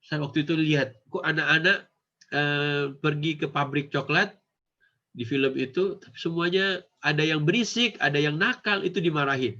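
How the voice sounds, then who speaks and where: A man's voice: fairly high pitch, normal speed, pushed and bright, muffled recording. A man teaching children, speaking casually and asking them questions that he then answers himself. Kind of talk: casual lesson for kids.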